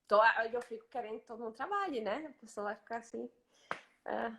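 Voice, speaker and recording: A woman's voice: on the high side, fast, a bit bright, a little hiss or hum. A Brazilian woman hosting a casual live chat, talking emphatically and eagerly repeating her agreement. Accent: Brazilian Portuguese. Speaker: host.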